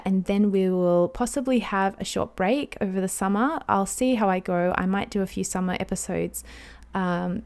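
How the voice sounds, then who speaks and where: A woman's voice: mid-range voice, darkish tone. A woman hosting a solo podcast, talking through her thoughts in a rambling, heartfelt way with plenty of fillers. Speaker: podcast host.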